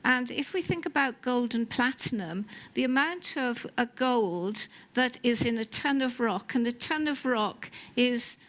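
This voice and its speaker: A woman with a Welsh accent, a geology professor explaining her work in a TV interview, pausing often with um and uh. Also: on the high side, a bit bright. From Wales. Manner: explanatory, with many um and uh hesitations. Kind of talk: TV studio interview.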